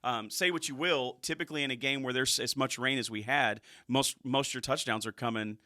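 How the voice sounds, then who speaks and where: A man co-hosts a casual football stats show with real enthusiasm and an easy laugh, often trailing off into quieter thoughts. His voice is bright and forward, recorded close and dry. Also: mid-range voice, fairly quick, no room sound. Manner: enthusiastic, drifts quieter when reflecting, laughs easily. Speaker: co-host of a high school football stats show. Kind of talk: casual sports chat.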